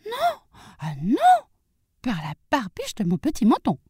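A woman puts on a tiny storybook pig with a squeaky, piping voice that leaps far above her own. It is bouncy and lively, cheeky and clever, and recorded close and dry. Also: a little slow, breathy edge, no echo, heavily acted. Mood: pleading, defiant.

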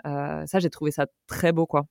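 A woman interviewing in a conversational way, with hesitant, halting phrasing. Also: deep voice, little pitch movement, gravelly, darkish tone, dry recording, studio quality.

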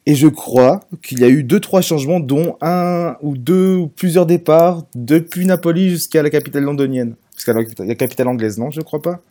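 A man's voice: a little high, normal speed, few pauses, warm tone. A man hosting a casual sports podcast, hesitant with many fillers and restarts. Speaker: podcast host.

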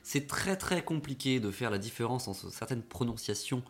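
Stammering French comedy co-host. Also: male voice, mid-range voice, expressive, normal speed. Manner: rambling, stammering repetitions. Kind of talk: comedic radio banter.

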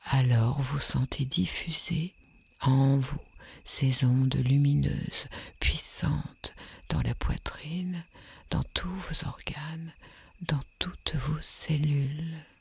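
A woman leading a guided sleep meditation in a soft, soothing, breathy whisper with long hypnotic pauses. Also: sits low, steady tone.

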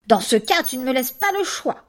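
A woman's voice: high-pitched, sing-song, moderate pace. A woman voicing a stern, fussy green dream monster in a storybook reading, with a serious, scolding tone.

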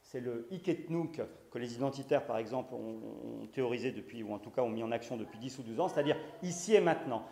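A mellow, medium-pitched man talks fast with few pauses in a conference lecture, though he hesitates with restarts and fillers. He hits key words hard, his voice rising on them. The hall has an echoey sound.

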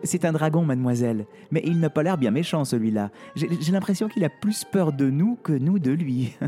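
A man's voice: on the high side, expressive, brisk, warm tone, soft background music, voice pushed up, close to an everyday voice. A man voicing a polite, timid young servant girl in a storybook tale, speaking deferentially and hesitantly. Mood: meek.

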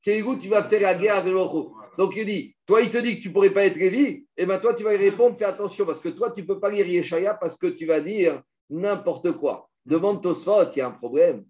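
A man leads a Talmud study lesson, his voice sitting somewhat high for a man. He explains with lively energy and drops quoted Hebrew and Aramaic phrases into his talk. The sound is muffled and lo-fi. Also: brisk, few pauses. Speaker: Talmud teacher. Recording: muffled lo-fi recording.

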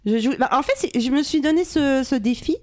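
A woman from Quebec with a Québécois French accent, a stand-up comedian chatting casually as a podcast guest and telling lively stories. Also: sits high, a little fast.

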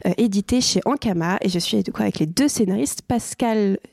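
A woman hosting a casual podcast interview in an art gallery, laughing often and pausing on fillers. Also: mid-range voice, gravelly, darkish tone, no room sound, studio quality. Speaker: podcast host.

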